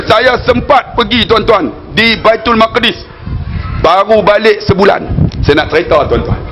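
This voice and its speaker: A man's voice: sits high, unhurried, fairly bright tone, soft background music. A man in his forties with a northern Malaysian Malay accent, giving a religious lecture as a storytelling preacher who keeps addressing the audience and slips in jokey asides. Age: 40s.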